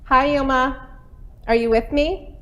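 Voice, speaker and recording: Woman host, thirties, high and bright-spirited, chatty live-stream delivery. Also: steady tone, takes it slowly. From Maine. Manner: upbeat, chatty, laughs often. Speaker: webcast host. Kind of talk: live webcast hosting. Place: studio set with a small table and laptop.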